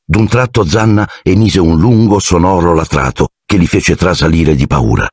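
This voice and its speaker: A man narrating an audiobook in an expressive storytelling manner. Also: low-pitched, moderate pace, no echo. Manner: expressive storytelling, shifting into character voices. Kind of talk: scripted narration.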